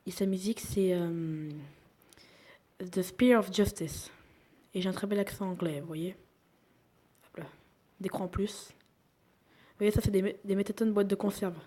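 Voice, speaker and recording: A woman's voice: mid-range voice, fairly even intonation, normal speed, long pauses, warm tone. A young woman giving casual commentary over a video game she is playing, chatty, often dropping to a whisper as she plays. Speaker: gaming YouTuber.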